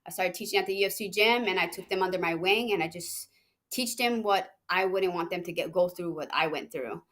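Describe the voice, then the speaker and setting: A young woman from Hawaii, a fighter talking casually in an interview, relaxed and rambling with many fillers. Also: fairly low pitch, fairly quick. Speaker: MMA fighter, guest.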